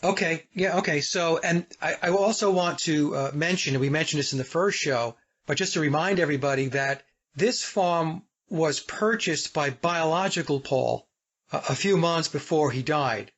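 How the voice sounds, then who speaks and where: A man from the United States hosting a podcast, speaking deliberately, guiding the talk and addressing his listeners directly. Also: a little high, a bit bright. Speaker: podcast host. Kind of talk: casual podcast interview. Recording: dull lo-fi audio.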